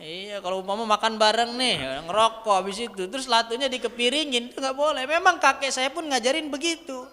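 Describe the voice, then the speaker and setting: A man gives a dawn sermon in a very high, bright and forceful voice. He tells stories and keeps checking in with his listeners, slipping in Javanese words. A long reverb trails his voice through the hall. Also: a little fast, few pauses. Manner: chatty storytelling, asks audience questions. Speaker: preacher. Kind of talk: dawn religious lecture.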